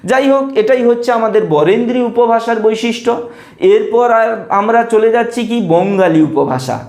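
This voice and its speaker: A male teacher giving a lecture on dialects, repeating example words slowly as he explains them. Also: very high-pitched, animated, a little mellow, roomy sound.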